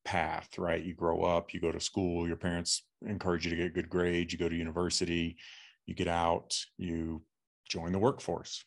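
A middle-aged man from Texas telling his life story as a podcast guest, halting with many fillers and restarts. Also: low-pitched, completely flat delivery, vocal fry. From Texas, USA. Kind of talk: casual interview storytelling.

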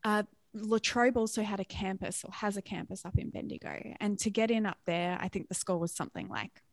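An Australian woman in her thirties with a gravelly edge of vocal fry in her voice, recorded close and dry with no room sound. She speaks frankly and reflectively, laughing easily as she tells her story. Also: medium pitch, animated, brisk, no echo. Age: 30s. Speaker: guest. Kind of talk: candid personal story in a podcast interview.

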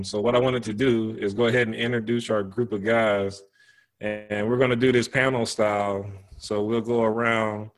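A man hosting a church panel discussion, speaking in an earnest, measured way. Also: on the low side. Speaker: panel host.

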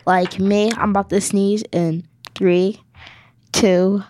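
A woman's voice: mid-range voice, little pitch movement, takes it slowly, darkish tone, no room sound, clean studio sound. A young woman improvising a silly role-play game, playful and joking. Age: teen or young adult. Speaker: podcast guest.

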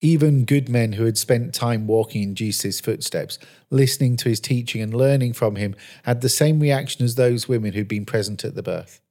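A man preaching, telling a Bible-based story in a measured, earnest storytelling manner. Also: mid-range voice, darkish tone. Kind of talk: scripted sermon narration.

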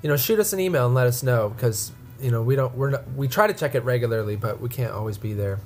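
A woman's voice: rumbling low, quick pace, a little mellow, soft background music. A woman co-hosting a casual podcast, talking in a rambling way full of fillers and restarts, and sounding stuffed up. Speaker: podcast co-host.

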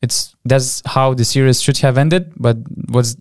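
Male sports podcast co-host, mid-pitched, dry close sound, conversational and explanatory. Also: steady tone, a little slow, darkish tone, no echo. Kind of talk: casual sports discussion.

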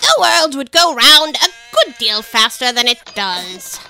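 A bossy old duchess, played by a woman reading aloud, barks her lines in a hoarse, growling voice, loud and rude. The pitch swings a lot, and a noisy background with faint clicks sits under the recording. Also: very animated, unhurried, full character voice. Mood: gruff bossy. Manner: barking, shouted lines.

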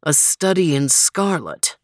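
A woman's voice: sits low, sing-song, slow pace, no room sound, clean studio sound, full character voice. A woman voicing a brave male detective who speaks firmly and defiantly in a storybook reading. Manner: firm and defiant. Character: bold male detective hero.

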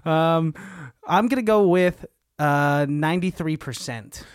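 A man's voice: fairly high pitch, expressive, fairly quick, no echo, clean studio sound. Joking, teasing man with a raised voice. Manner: joking, teasing, laughs often, swears casually. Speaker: podcast co-host. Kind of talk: casual chat.

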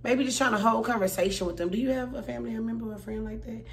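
A woman's voice: fairly high pitch, steady tone, racing, vocal fry, slight background noise. Blunt, emphatic woman podcast host. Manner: blunt, emphatic, repeats herself, swears freely. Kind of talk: casual chat.

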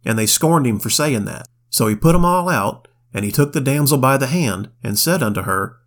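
A man's voice: mid-range voice, expressive, moderate pace. A man co-hosting a casual Bible study podcast, retelling scripture in folksy slang and quoting old King James wording. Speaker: podcast co-host reading the Bible.

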